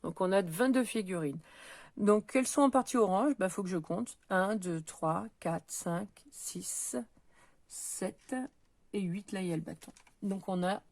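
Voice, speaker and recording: A woman teaching a middle school math lesson, working through probability exercises out loud in a patient, step-by-step way with many small hesitations. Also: on the low side, unhurried, no room sound. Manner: patient, talks while counting and pointing things out, frequent "euh" and "donc". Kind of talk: recorded lesson, correcting exercises aloud.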